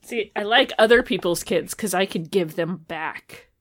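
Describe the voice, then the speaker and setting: A woman's voice: medium pitch, moderate pace. A woman co-hosting a casual podcast chat, making joking, self-mocking quips. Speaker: podcast co-host.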